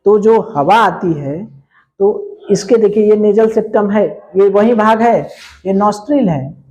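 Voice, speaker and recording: A man's voice: high voice, measured pace, a little mellow. A male science teacher, explaining a school lesson in a homely, colloquial way and asking questions he answers himself. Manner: asks rhetorical questions and answers them himself.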